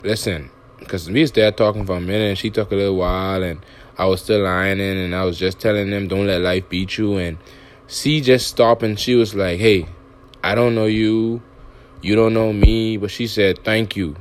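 A man's voice: fairly low pitch, clean tone. A man hosting his own podcast, talking directly to listeners in a repetitive, exhorting motivational monologue, full of restarts. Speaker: podcast host.

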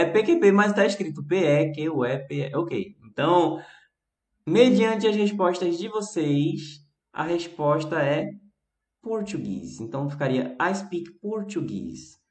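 Male online English teacher, chatty live host, slow delivery, echoey room. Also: a little high, expressive, darkish tone. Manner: slow careful English reading, chatty Portuguese asides. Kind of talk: live-stream English lesson.

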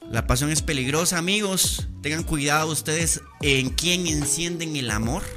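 A young Guatemalan man hosting a podcast, telling stories in casual, slangy, playful chat. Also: medium pitch. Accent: Guatemalan Spanish. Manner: animated, slangy, playful storytelling. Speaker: podcast host.

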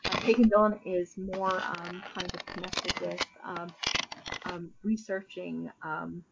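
Hesitant woman, low even voice, lo-fi. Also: gravelly, very noisy. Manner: hesitant, halting, thoughtful phrasing. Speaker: interview guest. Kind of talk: casual interview, explaining personal practice.

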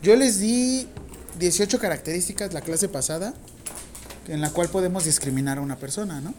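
A woman with a Mexican accent teaching a nursing class, talking casually with slang, dictating slowly and firing questions at the students. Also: lowish voice, dark tone, slight background noise. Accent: Mexican Spanish. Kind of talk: classroom lecture.

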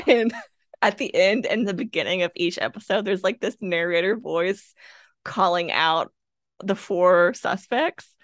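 A woman's voice: mid-range voice, measured pace, dry recording, studio quality. A woman chatting casually about a book with a friend over a video call, full of "like" and "kinda". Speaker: podcast co-host. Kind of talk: casual book club chat. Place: home, with her cat nearby.

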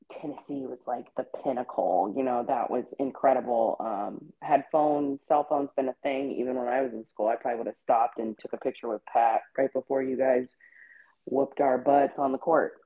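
Brief: woman interview host, measured and reflective, narrow phone-line audio. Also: rumbling low, breathy edge. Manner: reflective, measured, frequent "um" pauses. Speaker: podcast host, former college athlete. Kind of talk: conversational interview.

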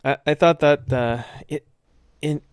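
A man's voice: on the high side, unhurried, clean tone, no room sound, clean studio sound. A man in casual chat about a film, thoughtful and searching for words with frequent fillers. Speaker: podcast co-host discussing a film.

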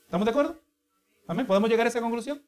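High-voiced man preaching a sermon. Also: very fast, a little mellow. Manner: asks the congregation for agreement again and again; earnest, explanatory, with repeated restarts.

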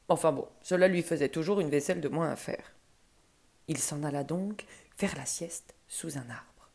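A woman storyteller reading a children's tale aloud in a gentle voice that often drops to soft, hushed tones. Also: fairly low pitch.

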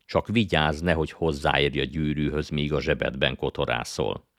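A man's voice: a bass voice, steady tone, creaky, fairly bright tone, dry recording, clean studio sound, full character voice. A man reading aloud and voicing a hungry young boy who speaks eagerly and now and then complains.

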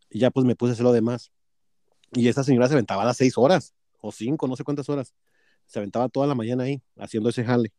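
A man's voice: medium pitch, mellow, dry recording, clean studio sound. A man with a Mexican accent telling a workplace story in casual chat, profane and gossipy, acting out both sides of a quarrel.

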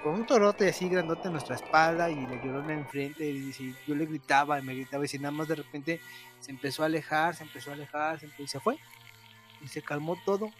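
A Mexican man spins a night-time tale in loose, slangy talk, with a voice that sits a bit high for a man. He gets animated and mimics the shouts he describes. Music plays clearly behind him. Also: brisk. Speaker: storyteller. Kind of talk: casual storytelling chat.

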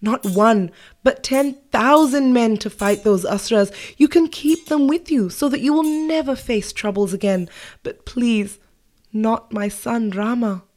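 A woman's voice: on the high side, a little slow, a little mellow, close to an everyday voice. Woman doing a pleading, worried king. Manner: earnest, pleading. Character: anxious middle-aged male king, pleading father.

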